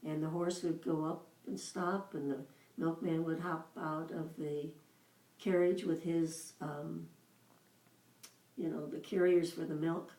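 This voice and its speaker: A woman in her seventies recalling her childhood for her child, telling it slowly with pauses. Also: deep voice, level tone, dark tone. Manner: unhurried storytelling with pauses. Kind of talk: casual reminiscing. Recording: roomy echo, voice from a distance.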